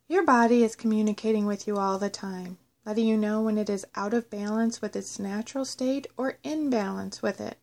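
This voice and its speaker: Creaky-voiced woman guiding a meditation. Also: fairly high pitch, darkish tone. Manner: measured, instructional delivery. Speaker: host of a guided self-love meditation audio. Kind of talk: guided meditation narration, scripted.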